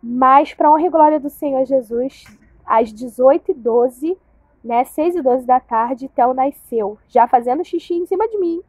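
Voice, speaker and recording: A woman's voice: high voice, unhurried, dry recording. A woman casually telling viewers a personal story, retelling it with emotion and acting out the lines of the people in it. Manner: emotional, animated retelling with quoted dialogue. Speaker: vlogger telling her birth story.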